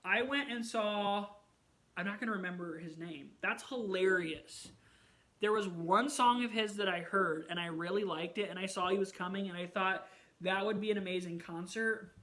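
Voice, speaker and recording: A man vlogging in a casual chat, telling rambling, gushing stories about concerts with animated bursts of excitement. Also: sits high, moderate pace.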